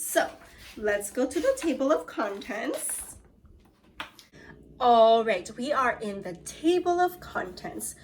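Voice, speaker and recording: In a low-quality recording with slight background noise, a woman with a fairly high voice speaks very slowly during an elementary read-aloud lesson. Addressing young pupils directly, she shifts between reading and questions in an encouraging, instructive manner.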